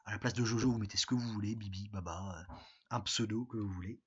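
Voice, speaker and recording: Husky-voiced man teaching a remote lesson. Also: on the low side, quick pace, a bit bright. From France. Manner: patient, step-by-step instructions with many fillers. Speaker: English teacher. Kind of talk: recorded remote lesson with screen walkthrough. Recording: dull lo-fi sound.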